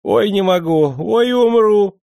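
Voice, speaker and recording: Man playing a shrill squealing actor. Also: normal speed, creaky, a little mellow, no room sound, studio quality. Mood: laughing. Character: fat giggling male actor, mischievous hanger-on. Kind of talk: audiobook character voice.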